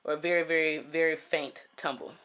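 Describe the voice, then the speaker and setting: A man's voice: a little high, fairly even intonation, fairly quick, bright, forceful tone, clear, resonant tone. Laid-back man reviewing sneakers. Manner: laid-back, many "um" fillers, talks to "you guys". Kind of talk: casual product review.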